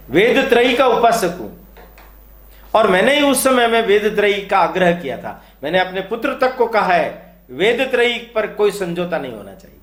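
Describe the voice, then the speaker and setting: A man's voice: high-pitched, fairly bright tone. A man voicing an earnest young ascetic sage who vows to revive his faith, recorded in an echoey room.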